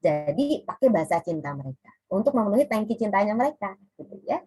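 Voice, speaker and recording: A woman's voice: mid-range voice, big pitch swings, fast talker, warm tone, slightly rough, no room sound, poor audio. A woman in her forties giving a chatty webinar talk on parenting over a video call. She speaks straight to the parents listening and drops in English words.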